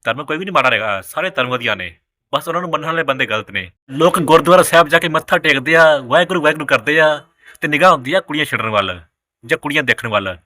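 A man's voice: a little high, lively intonation, fast talker, bright, forceful tone, no room sound, clean studio sound. A young man, giving blunt, heated social commentary to the camera. He swears freely and repeats his points with scorn. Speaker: vlogger.

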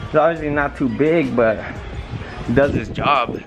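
A young man chats loosely through a product review on an outdoor patio, rambling and laid-back in a mid-range voice. A handheld camera held close picks him up, and music plays clearly underneath. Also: medium pitch, moderate pace. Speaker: vlogger. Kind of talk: casual product review vlog.

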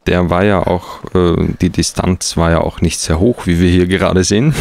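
A man's voice: low voice, steady tone, normal speed, creaky, darkish tone, no echo. A man doing casual, hesitant let's play commentary on a game with dry irony. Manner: hesitant, dryly ironic. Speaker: let's player.

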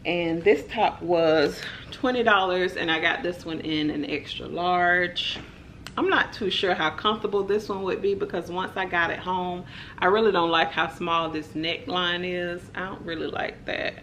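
A young woman talks through her shopping haul in a relaxed, chatty way, peppered with "like" and "y'all." Her voice sits a little low for a woman. A faint hum of the room sits behind her. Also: moderate pace. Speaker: vlogger. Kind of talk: casual haul chat to camera.

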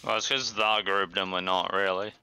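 A man's voice: sits low, little pitch movement, normal speed, bright, forceful tone, clear, resonant tone. A man chatting casually with teammates as a player in a video game voice chat.

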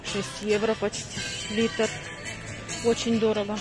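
A woman's voice: medium pitch, little pitch movement, takes it slowly, over music. A middle-aged woman vlogging on a handheld phone, rambling casually and thinking aloud as she goes. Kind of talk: casual vlog chat. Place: on the move: stairwell, parked car, busy supermarket. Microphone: handheld phone at arm's length.

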